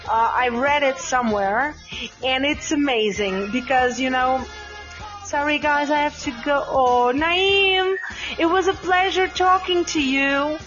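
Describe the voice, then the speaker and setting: Casting: Portuguese-native woman host, late thirties, high voice, hesitant with lots of ums, lo-fi chat line. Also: a little slow, fairly bright tone, faint music behind. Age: 30s. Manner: hesitant, many ums and restarts. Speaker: podcast host. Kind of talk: casual live chat.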